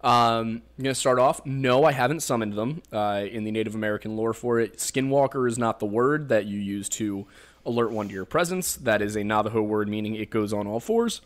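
A man's voice: fairly low pitch, fairly quick. A man with a Pennsylvania accent hosting a casual podcast, rambling and joking as he explains folklore with plenty of fillers. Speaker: podcast host.

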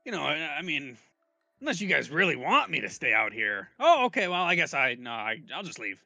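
A man's voice: fairly high pitch, sing-song, fairly quick, vocal fry, pushed and bright, dry recording, soft background music, full character voice. A man voicing a reluctant, sulky male gnome who hesitates and mumbles.

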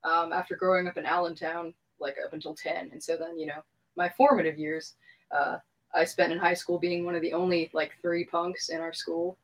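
A woman's voice: on the low side, little pitch movement, rough recording. A woman in her twenties from Pennsylvania, a band guest, chatting casually and laughing easily. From Pennsylvania, USA. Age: 20s. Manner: laughs easily, quick interjections. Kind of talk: casual chat.

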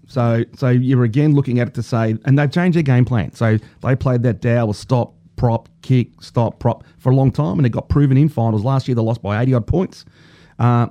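A man's voice: mid-range voice, mellow. A man with an Australian accent giving casual football commentary as a panellist on a sports show.

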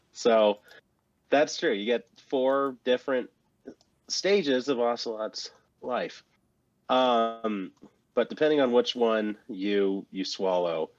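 A man co-hosting a casual chat, walking through a game character's moves in a relaxed, rambling way with many ums and restarts. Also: lowish voice, no echo, highs cut off. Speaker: co-host presenting a game moveset. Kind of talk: casual chat about video games.

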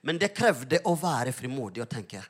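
A man pastor preaching a sermon, telling a story with lively, emphatic exclamations. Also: mid-range voice, slightly rough.

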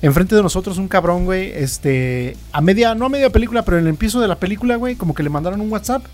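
A young man with a Mexican accent telling a story in casual chat, animated and full of swearing. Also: high-pitched, fast, faint music behind. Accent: Mexican Spanish.

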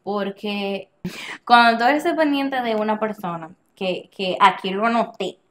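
A woman guest on a podcast, telling a personal story in casual conversation, animated and acting out the dialogue she quotes. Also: mid-range voice, a little slow. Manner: animated, acts out quoted dialogue, frequent restarts and laughs.

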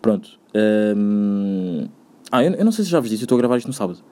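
A young man with a European Portuguese accent rambles through a casual solo podcast at a rapid clip. His voice is mellow and relaxed. He is slangy, swears often and circles back on his own words. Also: on the low side. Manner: rambling, slangy, swears a lot, repeats himself. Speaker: podcast host.

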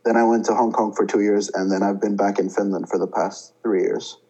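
Young man, low-pitched, reflective and hesitant, from India. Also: flat delivery, brisk, mellow, highs cut off. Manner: thoughtful, with many fillers and restarts. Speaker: student guest. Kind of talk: casual interview talk.

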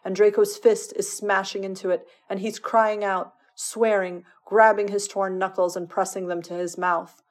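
A woman narrating a fan fiction audiobook with a dramatic, expressive reading of the action. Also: medium pitch, normal speed, hardly any pauses. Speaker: podfic reader.

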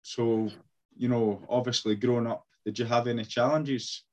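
A man's voice: medium pitch, steady tone, moderate pace, a little mellow, dull audio. A man hosting an interview, asking casual questions and giving short encouraging replies. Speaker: interview host.

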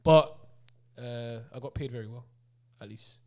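A man's voice: mid-range voice, a little slow, a little mellow. A man with a London accent in casual banter, slangy and often repeating short phrases.

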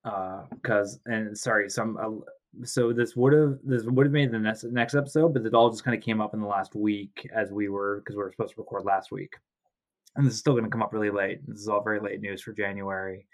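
Man with a sore throat, low voice, flat delivery, rambling podcast chat, home mic. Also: brisk. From Canada. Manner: rambling, self-correcting, joking. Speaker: podcast host. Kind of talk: casual chat. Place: home, recording remotely. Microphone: home mic, video call.

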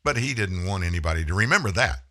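A man's voice: sits low, lively intonation, quick pace, bright, forceful tone. A man hosting a political commentary monologue, folksy and sarcastic. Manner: folksy and sarcastic, mocking voices when quoting. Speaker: commentary host.

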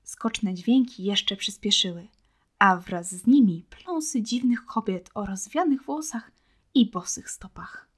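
A woman narrating a storybook in a soft, hushed way, often near a whisper. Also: medium pitch, expressive, a little slow.

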